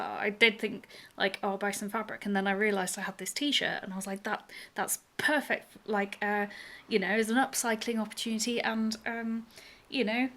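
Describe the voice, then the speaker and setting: A young woman talks to camera in a loose, chatty vlog. Her voice sits a little high, and she sounds bubbly and easily excited, peppering her speech with "um" and "like". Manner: bubbly and excitable, many "um" and "like" fillers. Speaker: cosplay vlogger.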